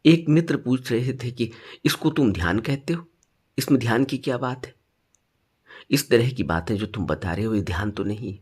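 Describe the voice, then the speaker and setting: A man teaching meditation in a spoken dharma talk, stressing points with sudden rises and then dropping low. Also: expressive, normal speed, a little mellow, slightly rough.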